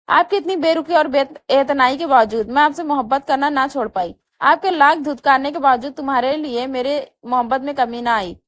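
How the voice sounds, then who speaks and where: A woman reading the lines of a dying young woman in a romantic novel, in a soft, halting way. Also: high-pitched. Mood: tender.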